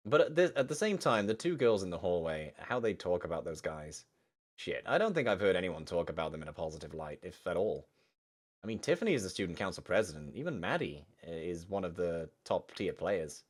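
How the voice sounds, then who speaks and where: A man's voice: deep voice, very animated, fairly quick. A man reading a visual novel aloud in first person, breaking off for swearing, laughing asides.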